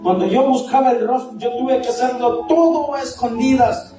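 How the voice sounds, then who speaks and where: High pitched evangelist guy preaching, gets loud and passionate, super echoey, music behind. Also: fairly even intonation, moderate pace. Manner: impassioned, repetitive, rising to shouts. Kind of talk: sermon testimony. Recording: echoey far-off hall with music.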